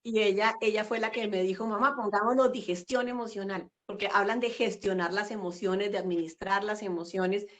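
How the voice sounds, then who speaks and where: A woman's voice: medium pitch, steady tone, a little fast, few pauses. Reflective middle-aged woman. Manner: warm, reflective, with frequent fillers and laughs. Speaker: guest. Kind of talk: casual interview conversation.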